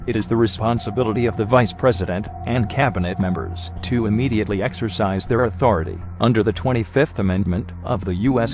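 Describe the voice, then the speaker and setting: Disguised deep-voiced man, stern legalistic reader of a formal warning, music bed. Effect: disguised, digitally deepened voice. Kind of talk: formal warning statement read aloud.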